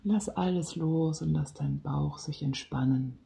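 Slow relaxation guide, soft-spoken, half-whispered at times, gravelly, mellow. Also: medium pitch.

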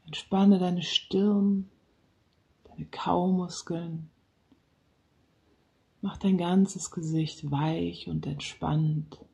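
A relaxation guide speaking softly and slowly, sometimes dropping into a whisper, leading a guided relaxation. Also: mid-range voice, steady tone, creaky. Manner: slow, soft-spoken, partly whispered.

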